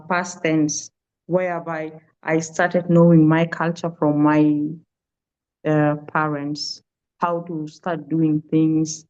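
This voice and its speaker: A woman's voice: deep voice, darkish tone. A woman from South Sudan answering interview questions on a webinar, hesitant and searching for words. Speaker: pastoral care and trauma healing worker. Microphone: video call. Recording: dull lo-fi call audio.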